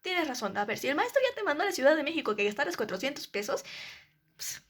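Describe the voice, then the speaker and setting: A scolding middle-aged Mexican mother, as her daughter puts her on. She rattles off fast, exasperated reproaches in a raised, high-pitched voice. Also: sing-song. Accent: Mexican Spanish.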